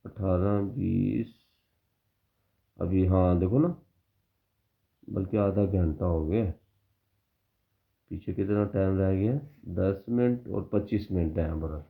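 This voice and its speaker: A woman teaching Quran recitation in an online lesson, patiently drilling words and modelling them slowly for her students. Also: a bass voice, gravelly, phone-quality sound.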